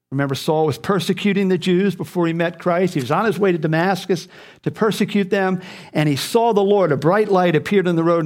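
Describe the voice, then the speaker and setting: A man's voice: fairly high pitch, darkish tone. A man preaching a sermon, speaking earnestly and repeating key phrases for emphasis.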